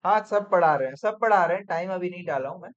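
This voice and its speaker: A man teaching accounts in a classroom lecture, brisk and coaxing, often checking whether students follow. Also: high-pitched. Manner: brisk, coaxing, peppered with "theek hai?". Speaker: commerce teacher. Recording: dull lo-fi classroom recording.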